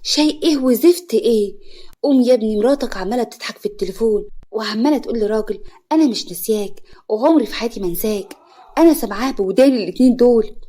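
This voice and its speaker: Woman playing shrill scheming Egyptian mother-in-law. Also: fast talker, a little mellow, close to an everyday voice. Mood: urgent. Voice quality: shrill, wailing, melodramatic.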